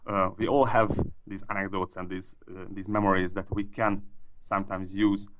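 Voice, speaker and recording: A man, a scientist, explaining his research in an interview, with many pauses and restarts. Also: deep voice, flat delivery, noisy background. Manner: hesitant, many restarts and fillers. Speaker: neuroscientist interviewee.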